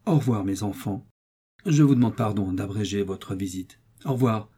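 An older notary, fatherly on the surface and unyielding underneath, read by a man. He coaxes with a kindly manner while dodging every demand. The voice is mellow and husky. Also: on the low side, moderate pace. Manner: soothing then firmly refusing. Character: older male notary, smooth and evasive.

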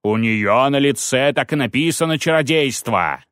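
A man's voice: medium pitch, a bit bright, clear, resonant tone, dry recording, studio quality, voice pushed up, close to an everyday voice. A man doing a ranting zealot priest. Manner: declaiming, drawn-out preaching tirade. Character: fanatical ranting male priest, gaunt and zealous. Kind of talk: audiobook character voice.

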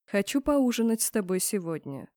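A woman voicing a brooding, possessive male mage rector who murmurs slowly and huskily. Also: medium pitch, big pitch swings, dry recording, studio quality, natural voice. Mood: hushed, possessive. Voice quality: husky. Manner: slow hushed murmur.

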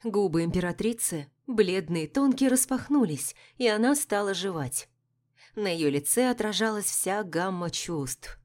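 A woman reading a novel aloud in the first person, in an even, measured way. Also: medium pitch. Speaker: audiobook narrator.

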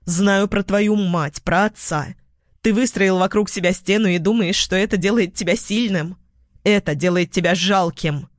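A man's voice: high-pitched, normal speed, no room sound, studio quality, natural voice. A man reading the lines of a cold, composed young woman psychologist who answers in a cutting, level way.

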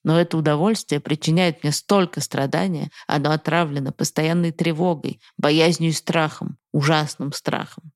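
A podcast co-host reading a story aloud in a calm, measured way. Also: medium pitch.

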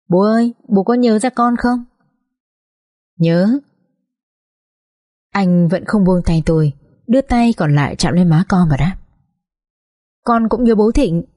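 A woman narrating an emotional first-person story in a soft, heartfelt way. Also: on the low side. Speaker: audiobook narrator.

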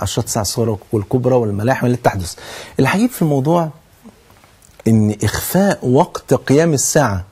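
A man's voice: medium pitch, a little mellow, breathy edge. A man with an Egyptian accent preaching a sermon in earnest, asking rhetorical questions and answering them himself. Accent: Egyptian Arabic. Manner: earnest, swears oaths to stress points. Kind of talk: religious sermon.

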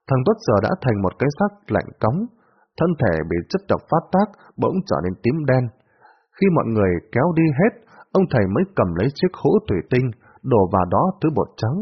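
A man narrating a dramatic story in a lively, expressive way. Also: mid-range voice, breathy edge. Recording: dull lo-fi audio.

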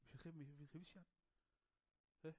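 A man with an Egyptian Arabic accent running an online English class, coaxing and teasing quiet students to speak up. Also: a little high, fairly even intonation, fast, slightly rough. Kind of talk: casual online class moderation.

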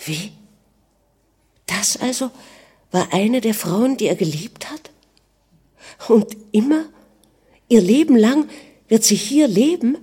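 Woman reader doing a young princess, sobbing, high and breathless, slow drawn-out wails. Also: dark tone, slightly rough. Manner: sobbing, high-pitched and desperate. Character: young distraught princess, newly married.

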